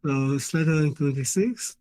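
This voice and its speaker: A man's voice: a little high, unhurried, dark tone. A man player at a tabletop game, hesitant with stumbling restarts. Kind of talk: casual chat at a game table.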